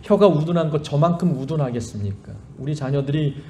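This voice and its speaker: A man's voice: fairly high pitch, animated, a little fast, warm tone, a little hiss or hum. A middle-aged man preaching a sermon as a pastor, earnest and emphatic, with a mild lisp that makes his s sounds slushy. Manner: earnest exhortation with personal anecdotes, emphatic rises and falling sentence endings.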